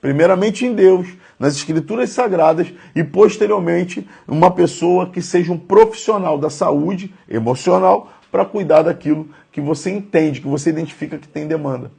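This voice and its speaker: Brazilian pastor, 30s, slightly high and raspy, earnest conversational sermon. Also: male voice, moderate pace, hardly any pauses, dark tone. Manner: conversational, earnest, addressing listeners directly. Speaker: preacher. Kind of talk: devotional sermon.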